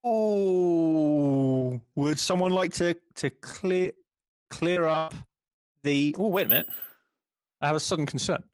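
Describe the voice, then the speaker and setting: A man's voice: a little high, takes it slowly, long pauses, darkish tone, clean tone, dry recording. A man hosting a quiz segment on a podcast over an online call, upbeat and wry. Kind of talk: casual chat.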